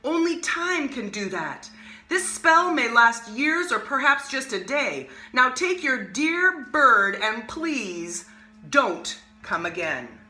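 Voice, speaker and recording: A woman voicing a menacing old male magician in a picture book, with a slow, growling, imposing delivery. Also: fairly high pitch, big pitch swings, bright, forceful tone, echoey room, pitched above the performer's own voice, heavily acted. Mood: dismissive.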